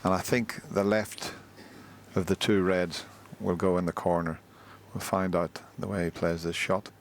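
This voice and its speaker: A man giving live snooker commentary in a hushed, understated way. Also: deep voice, level tone, a little slow. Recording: noisy live arena broadcast. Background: audience and clicking balls.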